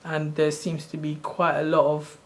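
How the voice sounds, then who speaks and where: Moving at a moderate pace, a man from Sri Lanka in his thirties talks his channel's viewers through something on his screen. His flat, slightly high voice barely rises or falls, and he strays from the point and backtracks mid-sentence as if chatting off the cuff.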